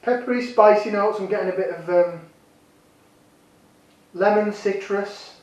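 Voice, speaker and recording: Man, jokey beer reviewer, high-pitched, sounds set back from the mic. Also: measured pace, heavy reverb, recorded from a distance, rough recording. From Yorkshire, England. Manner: chatty, jokey, self-deprecating. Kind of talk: casual vlog review.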